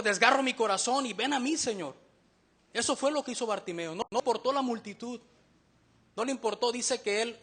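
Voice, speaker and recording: Bright high-voiced preacher man. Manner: earnest, questioning the congregation, slows down to read verses. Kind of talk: sermon.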